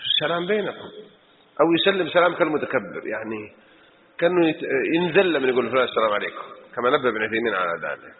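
Guy lecturing quick at the mosque, tinny phone-like sound, long hall echo. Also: mid-range voice, sing-song, slight background noise. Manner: admonishing, rhetorical questions. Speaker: mosque teacher. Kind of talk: religious lesson.

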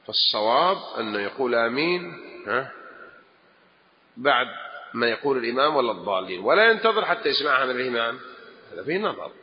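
A man, a religious scholar, delivers a lesson with emphasis and acts out the phrases he quotes. His voice sits at a middle pitch and carries a long reverb from a large hall. The recording is dull and lo-fi with a faint hiss underneath. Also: big pitch swings, quick pace, long pauses. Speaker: religious scholar answering questions.

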